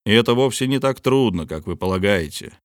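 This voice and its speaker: A man's voice: fairly low pitch, animated, no room sound, studio quality, close to an everyday voice. A man voicing a stern, proud submarine captain who speaks coldly and with authority. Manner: cold, measured and authoritative. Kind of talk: audiobook character reading.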